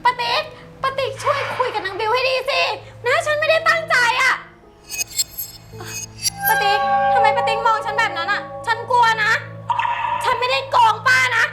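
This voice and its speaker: Very high voice, panicky pleading swindler played by a woman, loud music behind. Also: moderate pace. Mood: panicked. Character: frantic guilty young woman swindler. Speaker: swindler who cheated an aunt. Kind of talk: short film acting.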